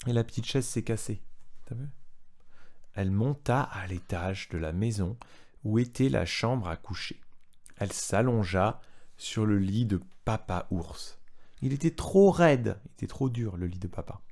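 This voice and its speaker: A man's voice: fairly low pitch, lively intonation, unhurried, a little mellow. A man reading a storybook aloud to a child, stopping to retell parts in plain words and ask the child questions.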